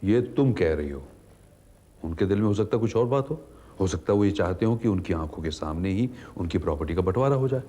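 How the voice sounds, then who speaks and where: An actor playing a greedy, scheming young husband in a TV serial drama, probing and defensive. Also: male voice, low-pitched, lively intonation, brisk. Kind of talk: TV serial acting. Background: loud background music score.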